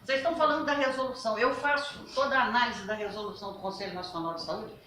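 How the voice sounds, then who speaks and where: A woman on a national health council gives an emphatic talk to a workshop, asking rhetorical questions and speaking loudly. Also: fairly high pitch, steady tone, racing, a little hiss or hum. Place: workshop meeting room. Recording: roomy, from a distance.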